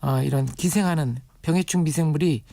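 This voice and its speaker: A man with a gravelly, mellow voice, explaining soil and crops on a radio interview. He talks patiently and reaches for homely comparisons. The sound is dry and close, with no room echo. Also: on the high side, a little fast. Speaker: urban farming guest expert.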